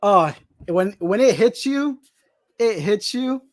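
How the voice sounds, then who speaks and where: Excitable rambling man, higher voice. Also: slow. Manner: excitable, rambling with many restarts. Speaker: podcast guest. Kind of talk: casual chat.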